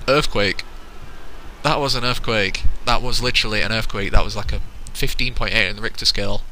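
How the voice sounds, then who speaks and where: A man doing goofy, pun-filled play-by-play wrestling commentary, full of excited exclamations. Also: lowish voice, fairly quick, slight background noise, poor audio.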